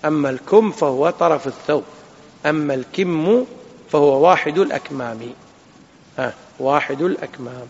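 A man teaches a class, reading a legal text and pausing to explain and quiz his students. His voice sits high with a gravelly edge. The recording is dull and carries a long hall reverb. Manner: explains slowly and checks understanding with questions to students. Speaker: Islamic jurisprudence teacher.

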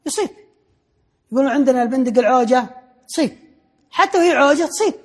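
A man lectures a class at a quick clip. His voice sits high, and he works through his points by repeating them and restarting words as he goes. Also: animated.

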